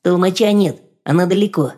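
Nerozhdenny, a man voicing a squeaky mutant infant. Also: brisk, lightly acted. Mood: detached. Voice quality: squeaky, piping. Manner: flat, detached, terse. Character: eerie mutant infant creature, squeaky thin childlike voice. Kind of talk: audiobook character voice.

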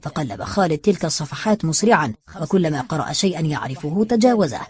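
An audiobook narrator reading a novel as scripted narration, brisk and even. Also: mid-range voice.

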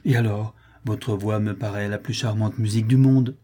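A faithful old valet who dotes on his master, fond and easily moved to tears, as a man reading the story puts him on. The voice is dark and husky, soft-spoken and deferential. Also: lowish voice, steady tone, moderate pace, natural voice. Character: faithful old male valet, tender and doting.

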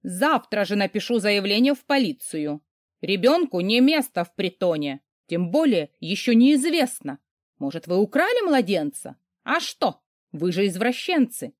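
A woman voicing a harsh, mocking middle-aged mother who scolds loudly. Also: mid-range voice, big pitch swings, moderate pace, no echo, clean studio sound, lightly acted. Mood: scornful shouting.

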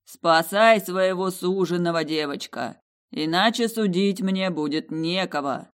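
A woman voicing an ancient magic ruby heart that speaks slowly in a teasing, drawn-out way. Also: on the low side, natural voice.

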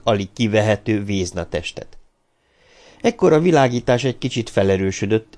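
A man narrating an audiobook in a measured, even storytelling manner. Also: on the low side. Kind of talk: scripted narration.

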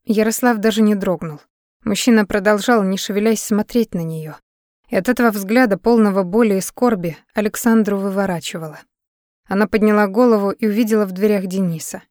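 A woman's voice: mid-range voice, brisk, darkish tone, no echo, clean studio sound. Woman narrating a dramatic audiobook.

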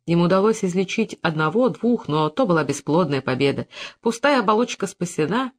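Expressive, lively audiobook narrator. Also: medium pitch, brisk. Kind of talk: scripted literary narration.

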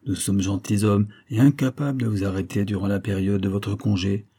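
A man reading aloud brings out a jovial Hungarian colonel who mocks his guest with easy confidence. The voice climbs above the reader's normal register and comes out louder. A husky, mellow texture stays underneath. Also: fairly low pitch, steady tone, fairly quick. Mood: jovial mocking. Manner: cheerful, taunting. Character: mocking Hungarian colonel, bold, jovial, teasing.

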